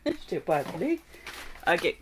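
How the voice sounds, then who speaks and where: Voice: medium pitch, sing-song, moderate pace. A Québécois vlogger chatting casually while working at home, joking, rambling and laughing often, with pet birds squawking in the background. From Quebec. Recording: noisy home recording with bird squawks.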